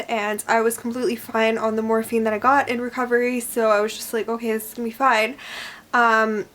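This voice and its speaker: A woman's voice: a little high, fairly bright tone. A young woman tells a personal story in a casual, rambling vlog style, often trailing off as she goes. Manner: rambling, conversational, trailing off with "or whatever". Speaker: vlogger.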